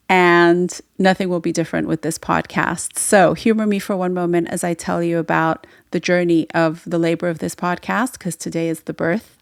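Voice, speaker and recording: A midwife whose first language is Farsi hosts her own podcast, telling her story alone in an earnest, reflective way. Her voice is fairly low, creaky, clear and resonant, in a dry, studio-quality recording.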